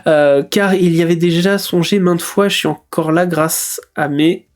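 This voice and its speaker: A man's voice: on the high side, fairly even intonation, unhurried. A man hosting a live stream, reading out chat messages and musing on them in a casual, hesitant way, with frequent fillers and restarts. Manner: hesitant, many euh fillers and restarts, thinking aloud.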